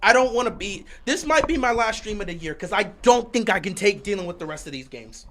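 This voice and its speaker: A man ranting on a live fan stream, sliding from quiet grumbling into shouting. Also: high-pitched, expressive, a little fast. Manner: frustrated ranting, swings from quiet muttering to shouting. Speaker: fan streamer commentating a game.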